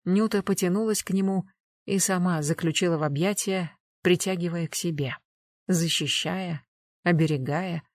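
A narrator reading a novel aloud at an even, steady pace. The recording is close and dry, with no room sound. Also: medium pitch, normal speed, no echo. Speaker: audiobook narrator. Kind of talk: scripted narration.

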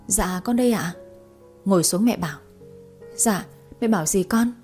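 A woman's voice: mid-range voice, normal speed, darkish tone, faint music behind, lightly acted. A woman reading a meek young daughter. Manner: meek, pleading. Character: frightened young adult daughter, about twenty.

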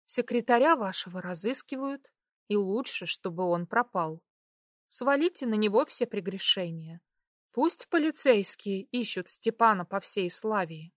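A woman's voice: medium pitch, expressive, measured pace, no echo, lightly acted. The narrator plays a proud young woman on the run in an audiobook romance. She speaks coolly and turns biting and mocking. The recording is dry and close. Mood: guarded. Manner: cool, then sharply mocking. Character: young woman in hiding, proud and sharp-tongued.

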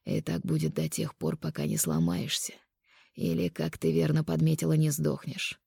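A woman voicing a cruel male conqueror in an audiobook, speaking low, hushed and taunting. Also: moderate pace, vocal fry, slightly rough, no echo, studio quality, heavily acted. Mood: cold menace. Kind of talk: audiobook character voice.

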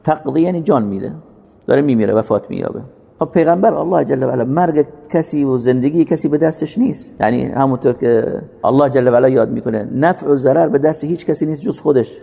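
A man teaching a religious text as a lecture, explaining hadith and rising into emphatic, drawn-out recitation of quotations. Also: medium pitch, vocal fry, dark tone, husky, big-room sound.

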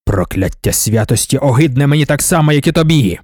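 A man voicing Leto, a calm ancient emperor. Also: mid-range voice, brisk, no echo, studio quality, natural voice. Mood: measured. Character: ancient godlike male emperor, calm, measured, cryptic.

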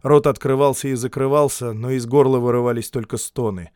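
A man narrating an audiobook in a steady, dramatic reading voice. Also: medium pitch, fairly quick, clean tone, dry recording, studio quality.

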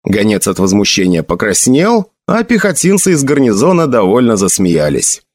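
A man narrating a fantasy novel as an audiobook, in a steady, plain storytelling manner. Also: lowish voice, normal speed, dry recording, clean studio sound. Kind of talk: reading a fantasy novel aloud.

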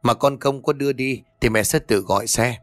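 A man's voice: mid-range voice, moderate pace, dry recording, faint music behind, pitched above the performer's own voice, lightly acted. A man voicing an angry, bossy grandmother in an audio ghost story, scolding and threatening.

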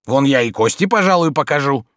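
A man's voice: mid-range voice, animated, fairly quick, a bit bright, no room sound, pitched above the performer's own voice, lightly acted. A man reading an audiobook, voicing a stubborn, sly old male servant who grumbles with dry irony. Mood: grumbling. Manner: grumbling, ironic.

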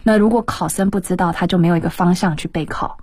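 A woman's voice: fairly low pitch, quick pace, a little mellow, slightly rough, dry recording, studio quality. A woman who works as an exam examiner and teacher, explaining test tips as a guest on a radio talk show, with many hesitant fillers.

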